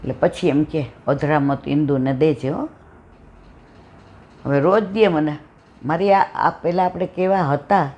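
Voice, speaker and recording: A woman's voice: sits low, measured pace, long pauses, darkish tone, muffled recording. An older woman gives a devotional satsang talk, earnestly telling family stories and asking her listeners questions. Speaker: satsang speaker. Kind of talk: devotional talk with personal storytelling.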